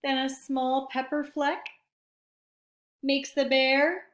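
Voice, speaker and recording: A woman reading a picture book aloud to young children in an expressive, teacherly manner, pausing to explain words. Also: high-pitched. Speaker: storytime reader for young children. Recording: roomy, echoey sound.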